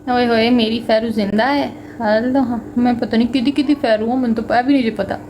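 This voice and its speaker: A woman's voice: on the high side, fairly even intonation, brisk, a little mellow, slight background noise. A young woman with a Punjabi accent, chatting and joking with viewers on a casual livestream. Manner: chatty, joking and self-mocking, mixing Punjabi into Hindi. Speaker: livestream host.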